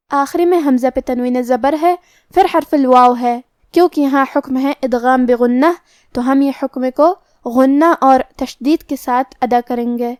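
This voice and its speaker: Even-toned female tajweed teacher, dry close recording, brisk and measured. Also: high voice, no room sound. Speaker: Quran recitation teacher. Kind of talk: tajweed lesson and recitation.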